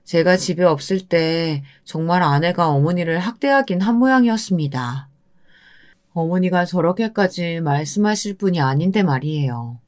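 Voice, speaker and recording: A woman narrating a first-person radio-style story in a steady manner. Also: fairly low pitch, moderate pace.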